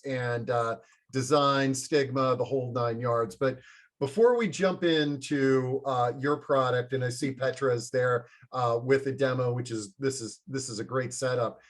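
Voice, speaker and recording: A man hosting an interview in an informal, meandering, conversational way with enthusiastic wording. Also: medium pitch. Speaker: interview host.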